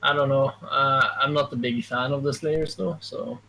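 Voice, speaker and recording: A man's voice: mid-range voice, steady tone, normal speed, a crowd in the background, rough recording. A man with a Norwegian accent, co-commenting a game recap in hesitant casual chat full of ums. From Norway. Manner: hesitant, many ums, self-deprecating.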